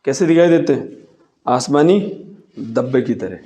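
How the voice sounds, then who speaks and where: A man teaching a classroom lecture, dictating notes slowly and repeating each line, then quizzing his students with questions. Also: mid-range voice, lively intonation, mellow.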